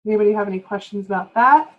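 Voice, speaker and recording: A woman presents a training session over a video call. She explains each step patiently and casually, checking whether everyone is following. Her voice sits at an ordinary middle pitch. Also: rapid-fire, lo-fi sound. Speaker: workshop presenter.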